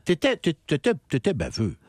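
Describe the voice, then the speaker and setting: A man with a Québécois accent hosting a casual interview, enthusiastic and quick to jump in. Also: on the high side, wildly swooping pitch, husky, no room sound, studio quality. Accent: Québécois French. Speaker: interviewer, host.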